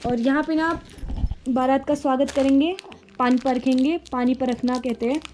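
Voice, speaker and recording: A woman's voice: sits high, steady tone, normal speed, noisy background. A young woman from the Uttarakhand hills, chatting playfully and teasingly as she narrates her wedding photos. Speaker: vlogger, bride. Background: faint background music.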